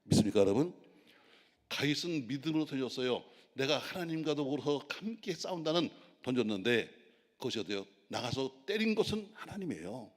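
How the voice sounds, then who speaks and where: A male pastor preaching a storytelling sermon, acting out the quoted lines and rising to loud exclamations. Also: mid-range voice, big pitch swings, fairly quick. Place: prayer retreat worship hall. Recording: long reverb of a large hall.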